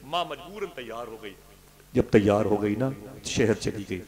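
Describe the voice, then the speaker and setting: A man preaching an emotional story-driven sermon, swinging from loud declaiming to hushed, grieving tones. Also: lowish voice, animated, a little slow. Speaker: Islamic speaker.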